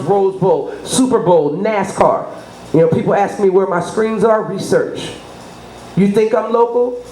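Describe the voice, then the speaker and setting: A middle-aged woman with a medium-pitched, slightly mellow voice talks like a radio personality in a promotional interview. She is emphatic and boastful, constantly checking with rhetorical asides that the listener is following. The room is echoey and background noise is clearly audible.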